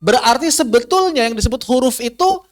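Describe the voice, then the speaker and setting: Brief: high-pitched male tajwid teacher, online class, quizzes his students and draws out the letters. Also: lively intonation. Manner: explains with repeated questions to students, drawn-out recited letters. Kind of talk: online recorded class lesson.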